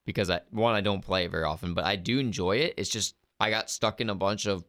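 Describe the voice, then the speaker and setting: A tired man with a rough voice co-hosting a casual gaming podcast, ranting sarcastically and cracking jokes. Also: sits low, quick pace, a bit bright, no room sound, studio quality. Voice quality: rough, gravelly voice. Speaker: podcast co-host.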